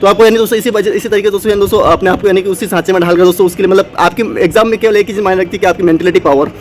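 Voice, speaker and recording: Fast-talking high-voiced man rambling. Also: fairly even intonation, a little hiss or hum. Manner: rambling, many fillers and restarts. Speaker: motivational channel host. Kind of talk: unscripted motivational talk.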